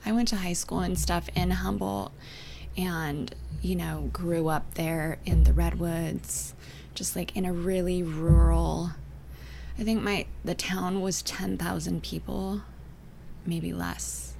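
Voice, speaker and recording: A young adult woman from Canada and Northern California, chatting as an interview guest, soft-spoken and often trailing off into near-whispers. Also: on the low side, steady tone, slow, creaky, slight background noise. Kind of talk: casual interview chat.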